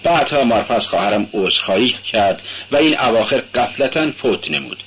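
A man reading aloud and voicing an anxious, brooding young male student in a low, subdued, uneasy way. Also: expressive, a bit bright, dull audio, slight background noise, lightly acted.

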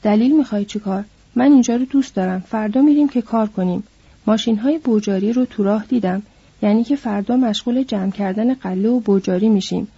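A woman voicing a sharp-tempered, protective itinerant worker man who talks in a curt, scolding way. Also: mid-range voice, breathy edge, no room sound. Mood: calmer. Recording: dull lo-fi recording.

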